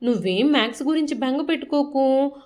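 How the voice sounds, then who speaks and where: A woman's voice: high voice, brisk, a little mellow, lightly acted. A woman voicing a loving older grandmother who talks in a coaxing, tender way, in a storybook reading. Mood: soothing.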